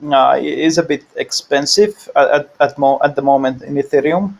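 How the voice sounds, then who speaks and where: A man from Finland, speaking haltingly with many fillers as a guest in a casual panel discussion. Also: fairly high pitch, gravelly.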